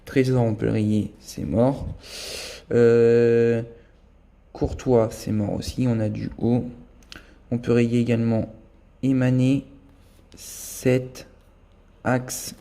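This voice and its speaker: A man's voice: mid-range voice, level tone, takes it slowly, creaky, long pauses, mellow. A man giving a casual running commentary as he scratches lottery tickets, thinking aloud as he checks each symbol and letter. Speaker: scratch-card vlogger.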